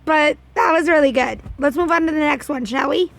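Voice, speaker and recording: Young-sounding woman reactor, high pitch, chatty, emotive. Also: fairly quick, gravelly, a bit bright. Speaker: video reactor. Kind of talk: casual reaction commentary.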